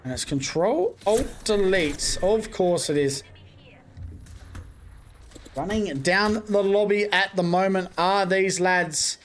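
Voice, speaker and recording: High-voiced esports caster. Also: male voice, a little hiss or hum. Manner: quick, running play-by-play with casual asides. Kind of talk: live esports play-by-play commentary.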